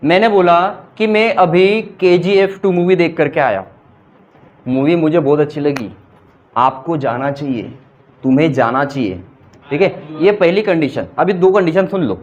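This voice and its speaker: A man with a high voice teaches an English grammar lesson. He explains in Hindi, reads out English example sentences and keeps quizzing his students. The recording sounds dull and lo-fi. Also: moderate pace. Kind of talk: classroom grammar lecture.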